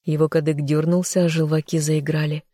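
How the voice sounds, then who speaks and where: Even-toned audiobook narrator. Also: medium pitch, brisk, no echo, clean studio sound. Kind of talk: scripted first-person narration.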